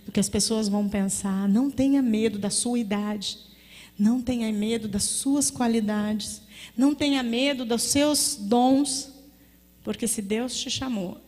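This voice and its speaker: A woman's voice: fairly high pitch, darkish tone. A woman with a Brazilian accent giving an emphatic testimony sermon at a women's conference, telling stories and repeating her points. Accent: Brazilian Portuguese. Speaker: guest preacher at a women's conference. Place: church sanctuary. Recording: long echo of a church hall.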